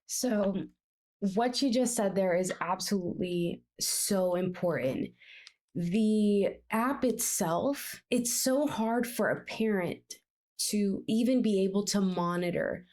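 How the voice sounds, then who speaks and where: Female co-host, animated and emphatic, midrange voice. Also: medium pitch, takes it slowly. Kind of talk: opinion commentary.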